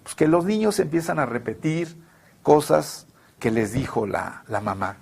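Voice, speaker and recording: A man, a legal expert guest explaining a topic at length in a measured way, often asking rhetorical questions. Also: a little high, big pitch swings, creaky, darkish tone, slightly rough. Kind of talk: explanatory talk-show discussion.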